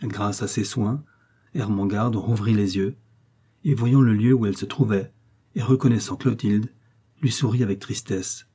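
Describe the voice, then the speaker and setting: A man reading a classic novel aloud as narration, in a steady, measured way. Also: on the low side, husky. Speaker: audiobook reader.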